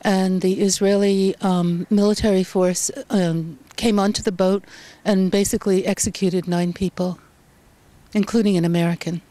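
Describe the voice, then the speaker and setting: A woman journalist from Canada answering interview questions in a measured, thoughtful way, often pausing with "um". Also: mid-range voice, steady tone, dark tone, dry recording. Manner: measured, thoughtful, frequent ums.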